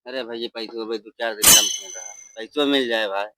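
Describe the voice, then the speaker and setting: A man's voice: fairly low pitch, brisk, very noisy, close to an everyday voice. A man playing a muddled, belligerent village town drunk in a comedy sketch, with an Awadhi accent, repeating himself. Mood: groggy, pleading. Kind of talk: rural comedy sketch acting.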